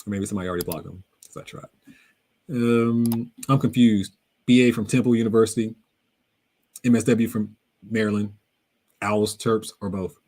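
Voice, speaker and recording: A young man hosting a casual live Q&A, reading viewer comments aloud and answering them in a relaxed, slangy way, laughing often. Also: on the low side, moderate pace, long pauses. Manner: relaxed, conversational, drops words into everyday slang. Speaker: livestream host reading chat.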